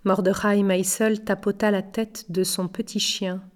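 A woman's voice: mid-range voice, little pitch movement. Woman narrating a story. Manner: measured storytelling. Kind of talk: scripted narration.

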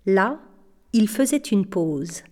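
A woman narrating a storybook aloud in a slow, measured way, lightly voicing the characters. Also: medium pitch, animated, darkish tone. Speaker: audiobook narrator. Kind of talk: scripted narration.

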